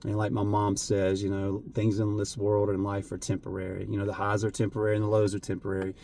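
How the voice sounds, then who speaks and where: Earnest man, low flat voice. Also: vocal fry, a little hiss or hum. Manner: earnest, halting, many fillers and restarts; emotional, voice wavering at times. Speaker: vlogger. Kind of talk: heartfelt unscripted talk to camera.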